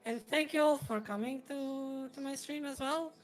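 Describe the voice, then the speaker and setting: A woman hosts a gaming stream in casual, chatty fashion. Her voice sits fairly high and carries a slight robotic tinge from a voice changer. Faint music plays behind her. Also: normal speed. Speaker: streamer, host.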